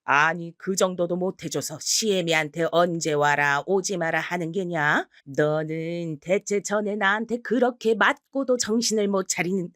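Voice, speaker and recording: Woman doing a slow, scolding old mother-in-law. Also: fairly low pitch, steady tone, a bit bright, no echo, clean studio sound. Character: harsh domineering elderly mother-in-law.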